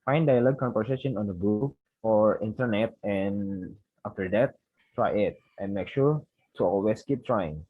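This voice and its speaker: Husky low-voiced young Indonesian man. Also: no room sound, narrow, tinny audio. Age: young adult. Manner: reads prepared points, halting with self-corrections. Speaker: university student presenter. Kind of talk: class presentation.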